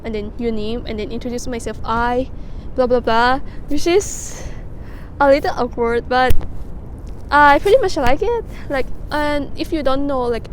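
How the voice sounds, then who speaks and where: A woman's voice: sits high, darkish tone, slight background noise, low-quality recording. A young woman from Thailand with a Thai accent, a student vlogger reading her essays aloud and explaining them casually, with many "like" fillers. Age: young adult.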